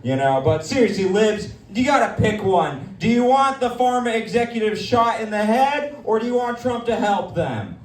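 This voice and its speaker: A man's voice: high voice, sing-song, normal speed, hardly any pauses, a little hiss or hum. A man hosting a live stand-up comedy show, brash and crude with mock-pompous boasting. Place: comedy stage in a dispensary. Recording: echoey room, mic at a distance.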